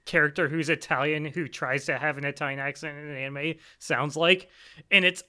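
A man's voice: on the high side, fairly even intonation, brisk, pushed and bright. A man in casual chat, enthusing with loose, rambling phrasing.

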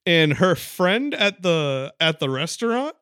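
A man co-hosting a podcast, laughing often as he excitedly retells movie scenes in casual chat. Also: on the high side, unhurried, smooth, dry recording, clean studio sound. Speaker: podcast co-host.

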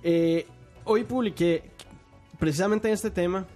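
High-pitched man, heated swearing rant, podcast panel. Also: warm tone, soft background music. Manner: angry, swearing, rapid bursts.

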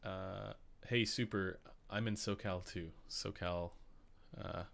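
A man's voice: deep voice, fairly even intonation, slow pace, gravelly, a crowd in the background. A Canadian man hosting a casual live stream, rambling with fillers and reading chat questions aloud. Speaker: host.

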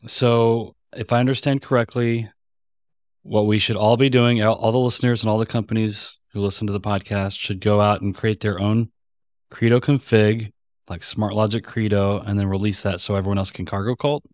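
A male podcast host with a low-pitched voice, wrapping up a conversation with dry, deadpan jokes. The sound is close and dry, with no room around it. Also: moderate pace, no room sound. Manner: joking, playfully deadpan. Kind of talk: casual podcast chat.

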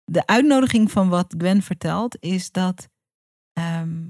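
A woman's voice: fairly low pitch, animated, takes it slowly, a little mellow, dry recording, studio quality. A woman hosting a podcast interview, encouraging and talking in long winding sentences full of fillers. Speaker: podcast host.

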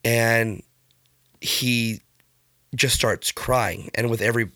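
A man co-hosting a podcast, telling a story in casual chat, with a halting, hesitant delivery full of fillers. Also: mid-range voice, steady tone, sharp tone, dry recording, clean studio sound. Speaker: podcast co-host.

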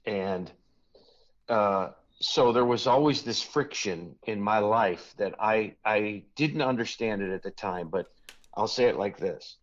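A man in his sixties with a Chicago accent talks in a low, unhurried voice. He reminisces reflectively about growing up. The sound is dull and lo-fi, like a remote call. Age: 60s. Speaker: former youth pastor, guest. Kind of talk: casual conversation.

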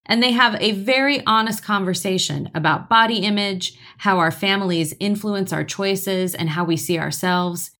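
Measured woman reading an introduction. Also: fairly low pitch, a bit bright. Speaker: event host. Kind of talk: scripted introduction.

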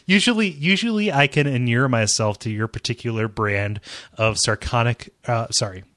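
A man co-hosting a comedy podcast in casual banter, stammering and breaking up into a hoarse, wheezy laugh. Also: mid-range voice, fairly bright tone, no room sound, clean studio sound. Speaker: podcast co-host.

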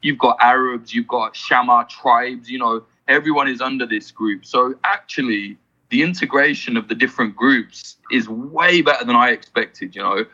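A man's voice: mid-range voice, bright, forceful tone, muffled recording. A man talking as a podcast guest, blunt and swearing freely in casual interview chat. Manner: blunt, swears freely, fast run-on explaining.

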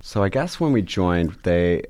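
As a guest on a podcast, a man in his 20s from Ireland, a startup CEO, rambles through a casual interview chat with frequent "like" fillers. He speaks in a deep, slightly mellow voice with big pitch swings, unhurried. The sound is dry.

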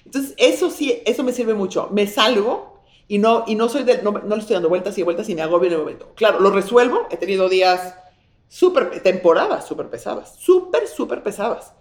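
Woman, Mexican accent, rapid speech, effusive, reflective, echoey room. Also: mid-range voice, lively intonation. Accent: Mexican Spanish. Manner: warm, effusive and reflective, with many restarts. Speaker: guest, businesswoman and author. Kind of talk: casual interview chat.

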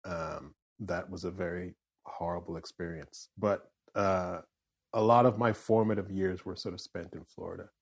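A relaxed Canadian man in his forties with a fairly neutral accent and a lowish voice. He chats easily as an interview guest, often restarting a phrase before finishing his thought. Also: normal speed, husky. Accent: fairly neutral Canadian English. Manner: easygoing, restarts phrases while thinking. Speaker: musician and voiceover artist guest. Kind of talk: casual interview chat.

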